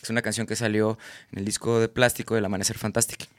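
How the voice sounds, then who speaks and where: A fast-talking man with a fairly low voice and little pitch movement, recorded without room sound, appears as a guest in a casual storytelling interview. The singer-songwriter, from Tabasco, Mexico, has a Mexican accent and tells rambling, slangy anecdotes, voicing his friends' lines.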